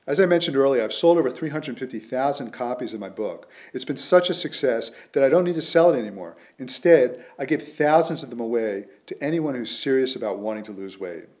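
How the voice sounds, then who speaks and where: Earnest man giving a sales pitch. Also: lively intonation, a little fast, hardly any pauses, darkish tone. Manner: earnest, persuasive. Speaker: author promoting his method. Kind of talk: scripted promotional pitch.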